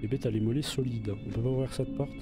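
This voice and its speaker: Talking fast over loud music, a man with a mid-range voice keeps his intonation fairly even. He has a bit of a cold and chats casually to himself as a let's play gamer mid-game.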